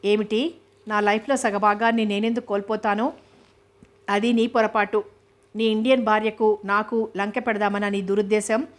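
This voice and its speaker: A woman's voice: medium pitch, little pitch movement, moderate pace, close to an everyday voice. A woman reading a fiery foreign wife. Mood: indignant. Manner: heated, accusing. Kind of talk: audiobook novel reading.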